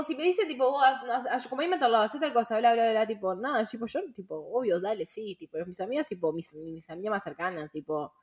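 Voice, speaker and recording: A young woman with a Rioplatense Spanish accent, hosting a casual podcast chat, slangy and full of fillers and laughing asides. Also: medium pitch. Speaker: podcast host.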